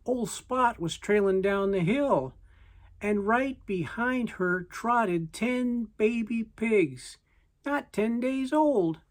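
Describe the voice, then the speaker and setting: A person with a reciting poetry as a story in verse, in a folksy way with deliberate pauses. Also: medium pitch, animated.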